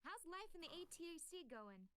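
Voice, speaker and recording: Nancy Drew, high, bright, perky detective. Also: female voice, big pitch swings, brisk, dry recording, full character voice. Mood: upbeat. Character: perky young female amateur detective. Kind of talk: video game phone-call dialogue.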